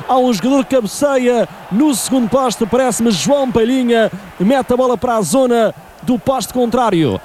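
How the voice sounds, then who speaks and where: A man with a European Portuguese accent giving excited, emphatic live radio football commentary. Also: extremely high pitch, slight background noise.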